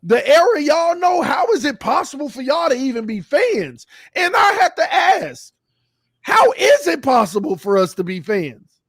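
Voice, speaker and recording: A man hosting a fan talk show, fired up and shouting as he rants. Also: very high voice, big pitch swings, moderate pace, dry recording, clean studio sound. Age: 30s. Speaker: fan channel host.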